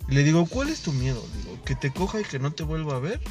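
A man's voice: a little high, very animated, fast talker, over music. A man in his twenties with a Mexican accent, telling a crude, slangy story and acting out the dialogue in casual chat. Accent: Mexican Spanish. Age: 20s.

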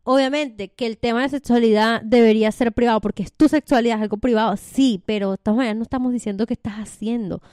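A woman's voice: fairly high pitch, steady tone, fast, few pauses, darkish tone, no room sound, studio quality. A young woman telling stories in casual chat, chatty and slangy.

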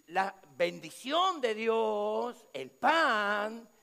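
A Rioplatense preacher voicing Jesus as a firm, declaring teacher in a sermon retelling. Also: male voice, high-pitched, very animated, drawn-out words, pushed and bright, exaggerated voice. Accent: Rioplatense Spanish. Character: stern Jesus, calm male teacher. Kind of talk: sermon storytelling.

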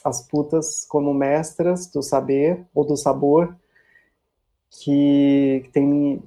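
Mellow São woman, low-voiced, reflective. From São Paulo, Brazil. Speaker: guest, university performing arts teacher. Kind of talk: reflective interview talk.

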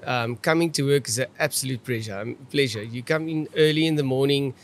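A man's voice: mid-range voice, fairly quick. A man from South Africa with an Afrikaans accent, answering conversationally as a viticulturist guest and often repeating words as he feels his way along.

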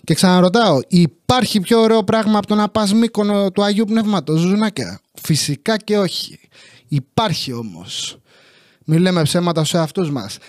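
A young man with a Greek accent and a high voice, ranting through a comic podcast monologue. He grumbles and swears sarcastically. The studio sound is dry and close, with no room echo. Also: lively intonation. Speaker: podcast host. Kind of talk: comic monologue, casual rant.

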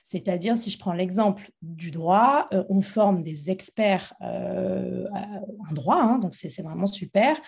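A woman's voice: on the low side, lively intonation, measured pace, vocal fry, a little mellow, husky. A woman interviewed as founder of a training institute, talking with many fillers and restarts. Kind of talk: interview conversation. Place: Montpellier, France.

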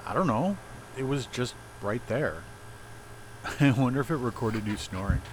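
A man's voice: mid-range voice, expressive, unhurried, background noise, lightly acted. An actor playing an enthusiastic, playful male paranormal investigator in an audio drama. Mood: teasing. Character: eager male paranormal investigator and house flipper.

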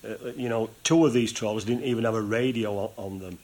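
A man's voice: lowish voice, fairly quick, a little mellow. A man hosting an interview, chatting casually and recounting background stories to his guest. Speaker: interviewer and host. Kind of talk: casual chat.

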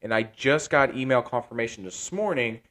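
A man hosting a casual podcast from his cigar lounge, talking in a relaxed, rambling way with plenty of fillers. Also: mid-range voice, moderate pace.

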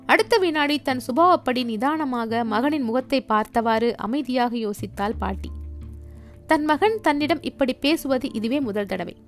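Female storyteller, high pitch, expressive narration of a short story. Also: unhurried, faint music behind. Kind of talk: reading a short story aloud.

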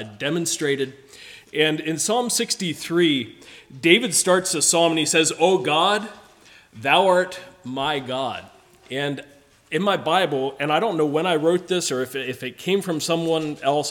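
A man preaching a sermon in an earnest, halting way, often restarting his phrases. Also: fairly high pitch, fairly bright tone. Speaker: visiting preacher.

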